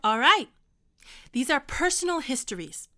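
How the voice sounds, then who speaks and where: A woman's voice: high-pitched, very animated, normal speed, sharp tone, exaggerated voice. A woman acting a stern, lecturing history teacher keeping two students in detention. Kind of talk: audio drama acting.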